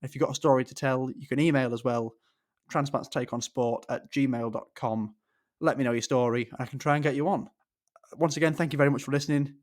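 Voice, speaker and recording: A man's voice: medium pitch, steady tone, fast talker. A man hosting a sports podcast, asking questions and reading a rambling, informal sign-off. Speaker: podcast host. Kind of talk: podcast interview and outro.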